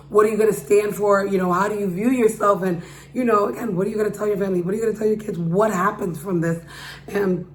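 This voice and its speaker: In an echoey room with a faint hum behind her, a woman talks casually to her viewers. Her voice is a little harsh as she pushes it louder to be heard. She is informal and slangy, often turning to rhetorical questions. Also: mid-range voice. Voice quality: slightly harsh from raised voice. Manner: speaking loudly to be heard. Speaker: vlogger giving opinion. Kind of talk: casual opinion monologue to camera. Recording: roomy echo with background hum.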